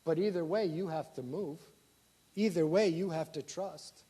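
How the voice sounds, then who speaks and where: A pastor preaching a sermon, asking the congregation rhetorical questions and swinging from loud emphasis down to quiet asides. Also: male voice, fairly high pitch, normal speed, breathy edge.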